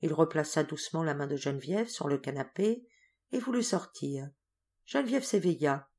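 Low-voiced woman reading a novel aloud. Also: moderate pace. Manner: expressive reading, voices each character. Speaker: audiobook reader. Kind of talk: scripted narration.

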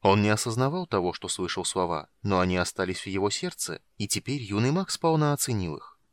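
A man narrating a fantasy audiobook with a lively, dramatic delivery. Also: lowish voice, brisk, no echo. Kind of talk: expressive fantasy audiobook reading.

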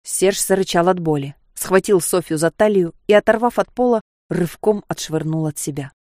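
A woman's voice: lowish voice, normal speed, darkish tone, no room sound. Woman reading an audiobook, dry close sound. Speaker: narrator. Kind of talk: audiobook narration.

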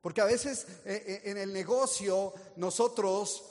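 Casting: energetic male motivational speaker, high voice, lively anecdotes, long echo of a hall. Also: measured pace. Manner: animated storytelling with acted-out quotes. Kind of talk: motivational talk.

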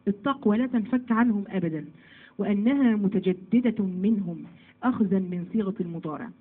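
A woman with an Egyptian Arabic accent gives a religious lesson at a rapid clip, asking her own questions and answering them. Her voice comes through thin and phone-like. She teaches women in a lively, conversational way. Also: medium pitch, slightly rough. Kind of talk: Quran commentary lesson to women.

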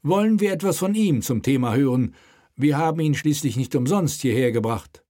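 A male reader voicing an imperious old king who speaks in a sharp, commanding, pompous way. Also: on the high side, animated, normal speed, pitched above the performer's own voice.

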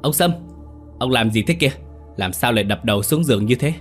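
A man voicing a sharp-tongued, scornful older village wife who scolds and dismisses her husband, in a told ghost story. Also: fairly low pitch, animated, fairly quick, faint music behind, close to an everyday voice.

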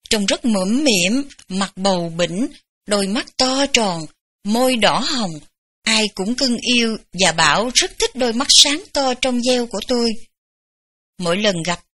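Bright-voiced woman reading a memoir. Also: mid-range voice. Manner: gentle, unhurried storytelling with light laughs. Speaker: audiobook reader. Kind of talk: memoir read aloud.

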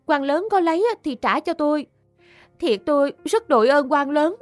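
A woman's voice: high voice, expressive, normal speed, dry recording, soft background music. A woman playing a polite young woman who is accused of murder and answers an official deferentially. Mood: pleading. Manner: deferential, pleading.

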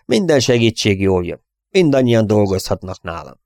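A man reading as an earnest young bomber pilot in an audiobook, speaking with eager, lifted energy. The voice is low and gravelly, and the recording is close and dry. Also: big pitch swings, a little mellow, dry recording. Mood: hopeful.

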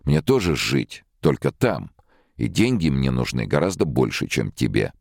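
A man's voice: very deep voice, big pitch swings, moderate pace, darkish tone, no echo, clean studio sound, full character voice. A man voicing a blunt, sardonic middle-aged man about to emigrate, in an audiobook. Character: weary defiant émigré man, middle-aged. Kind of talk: audiobook character voice.

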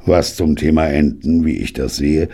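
A man reading an audiobook and voicing a measured, doubtful poker player. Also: extremely low pitch, steady tone, dark tone, breathy edge, exaggerated voice.

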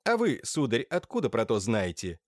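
A man's voice: mid-range voice, wildly swooping pitch, moderate pace, no echo, clean studio sound. A man voicing an experienced, composed police inspector who reports in a clipped, businesslike way. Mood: matter-of-fact.

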